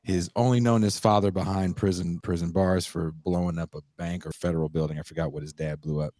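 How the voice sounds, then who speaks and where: Deep-voiced male podcast host. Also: fairly even intonation, fairly quick, mellow, no echo. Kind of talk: measured political commentary.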